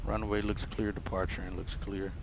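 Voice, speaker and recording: Creaky low-voiced man, pilot cockpit callouts. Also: little pitch movement, moderate pace. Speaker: airline pilot in a flight simulator. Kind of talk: cockpit callouts and casual muttered commentary. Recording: noisy cockpit hum behind voice.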